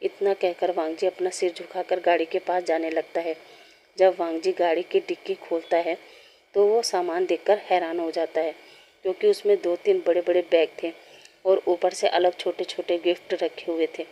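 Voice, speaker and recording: A woman narrating a fan-fiction story in a steady, plain storytelling manner. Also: fairly low pitch, normal speed, slight background noise.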